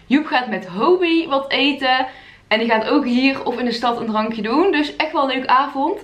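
A woman's voice: sits high, expressive, normal speed, highs cut off. A young woman chats casually and informally to her viewers as a vlogger. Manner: chatty, informal, addressing viewers. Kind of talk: casual vlog chat.

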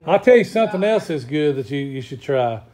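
A man's voice: a little high, very animated, a little fast, mellow. A man with a Southern US accent in casual chat and storytelling, talking in a folksy, anecdotal way. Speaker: vlog co-host.

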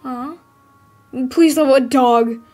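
A woman giving playful, excitable commentary while playing a game, squealing and yelping whenever things go wrong. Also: high-pitched, takes it slowly, soft background music. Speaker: gameplay streamer.

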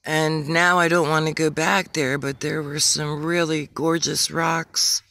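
Hoarse allergy-voiced woman rambling to her phone outside, slow and gravelly. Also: sits low, level tone, fairly bright tone, no echo. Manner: rambling, chatty, emotional. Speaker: vlogger. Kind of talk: casual vlog while walking outdoors. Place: outdoors by a pond.

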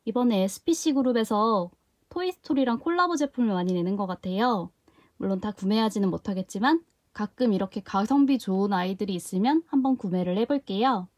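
In a dry recording, a young woman speaks briskly at medium pitch while unboxing a toy container for a casual vlog review. Handling the product, she keeps gasping and exclaiming excitedly.

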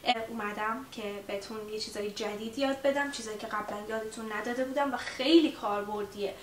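A woman teaching a casual language lesson in a chatty way, with many fillers, who repeats her example phrases slowly. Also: a little high. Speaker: English teacher. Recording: roomy echo, distant mic, faint hiss.

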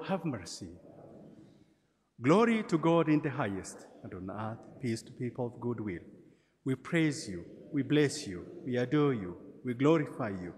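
Priest in his 40s, calm and measured, big cathedral echo around him. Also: medium pitch. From Tanzania. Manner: gentle, measured liturgical delivery with light humor. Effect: cathedral-like church echo. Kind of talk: celebrating Mass. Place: large church. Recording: long church hall reverb.

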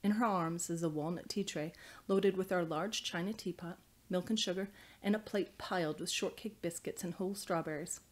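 With a lowish voice at a moderate pace, a woman in her thirties narrates from a script in audiobook style. She is an author presenting and reading her novel inside a small study with bookshelves.

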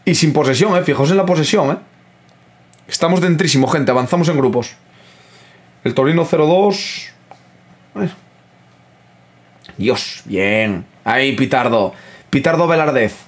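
Excitable gaming streamer, swearing. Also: male voice, fairly high pitch, measured pace, long pauses. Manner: excitable, swears a lot, talks to chat. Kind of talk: live gameplay commentary.

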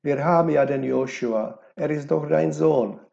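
A man's voice: a little high, measured pace, vocal fry, warm tone. A man voicing a young mother who speaks firmly and admonishingly to her husband. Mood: soothing. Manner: stern, admonishing. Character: stern young mother, firm and pleading. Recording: dull lo-fi recording.

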